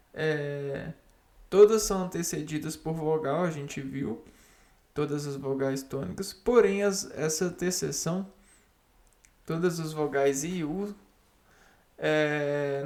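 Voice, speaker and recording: A man with a gravelly, creaky voice works through grammar rules at a very slow pace. He halts often and repeats single words to himself as he reads and explains. The tone is that of solitary study. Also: a little high, darkish tone. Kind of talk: reading and explaining spelling rules aloud.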